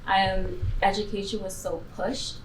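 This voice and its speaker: A woman's voice: medium pitch, little pitch movement, a little slow. A young woman talking conversationally as a guest in a panel discussion. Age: young adult. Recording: roomy, distant mic with faint noise.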